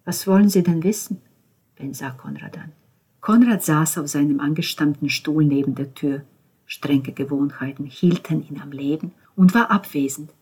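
A woman reads a novel aloud, calm and measured, in a rather low voice. There is a husky, breathy grain to her tone that stays throughout the reading. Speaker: audiobook narrator. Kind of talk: scripted narration.

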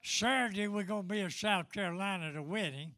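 A man's voice: high-pitched, fast talker, bright, forceful tone, no echo. An elderly man preaching a fervent Pentecostal-style sermon in an emphatic, repetitive, folksy way. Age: 70s or older.

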